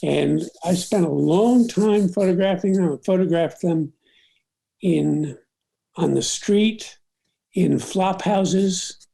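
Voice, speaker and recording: An older man, a photographer, telling stories from his career in an unhurried interview, with many fillers and restarts. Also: high voice, gravelly, mellow. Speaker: documentary photographer. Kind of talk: reflective storytelling interview.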